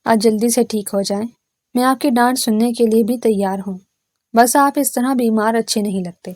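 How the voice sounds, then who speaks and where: A woman's voice: on the high side, a little mellow, no room sound, close to an everyday voice. Woman reading as a bold, teasing young woman. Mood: bossy.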